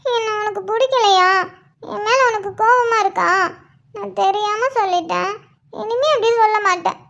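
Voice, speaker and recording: A very high, squeaky cartoon wife, tipsy and clingy. She pleads and teases in a childish, whiny way. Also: normal speed, creaky, fairly bright tone, heavily acted.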